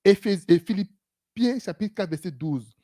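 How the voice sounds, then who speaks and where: Preacher, sermon, animated pitch, husky voice, frequent hallelujahs. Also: unhurried. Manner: animated, repeats "Alléluia", acts out dialogues.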